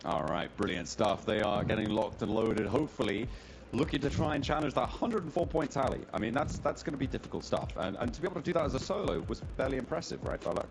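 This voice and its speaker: Gravelly, animated esports caster man. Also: mid-range voice, fast talker, background noise. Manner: rambling, self-correcting, thinks aloud. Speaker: esports commentator. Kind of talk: live esports commentary. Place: streaming setup with remote co-caster on voice chat.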